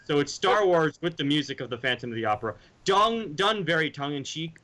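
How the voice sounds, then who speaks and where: A man's voice: on the high side, animated, a little fast, bright, forceful tone, rough recording. A man co-hosting a podcast, chatting casually and rambling with restarts. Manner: rambling, with restarts and mimicked sounds. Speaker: podcast co-host. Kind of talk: casual chat.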